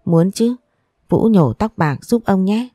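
A woman's voice: mid-range voice, lively intonation, takes it slowly, warm tone, no echo, soft background music. A woman voicing a kind, reassuring older grandfather in a storybook reading.

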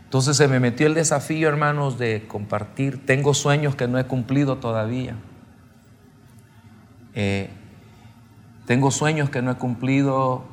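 A man's voice: mid-range voice, measured pace, long pauses. A man preaching at a seminar, telling his testimony with emotion and calling the listeners brothers. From El Salvador. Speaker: pastor. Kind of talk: sermon testimony. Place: church or seminar hall.

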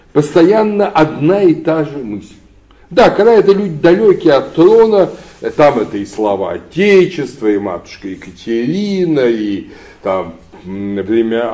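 A man giving an unscripted history lecture, often pausing with drawn-out fillers and pressing on key words with rising emphasis. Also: medium pitch, dark tone. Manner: hesitant, many drawn-out "uh" fillers, emphatic rises.

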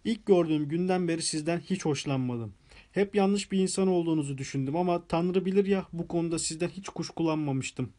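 Man voicing a wry gentleman, sarcastic, dry jokes, audiobook. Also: fairly high pitch, a little fast, natural voice. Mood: angry. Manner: dry, joking.

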